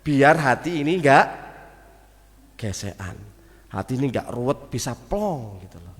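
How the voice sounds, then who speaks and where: A man's voice: medium pitch, unhurried. A man with a Javanese accent giving a casual mosque study talk, mixing in Arabic terms and acting out little everyday exchanges. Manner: lively, mixes Javanese and Arabic terms, acts out little dialogues. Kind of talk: casual sermon. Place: mosque hall. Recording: long hall reverb in a mosque.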